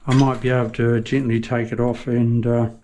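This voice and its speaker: A man's voice: medium pitch, little pitch movement, warm tone, a little hiss or hum. A middle-aged man with an Australian accent, chatting casually as he shows a tiling job. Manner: chatty, slow, folksy Aussie slang. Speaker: tiler. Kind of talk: casual how-to video.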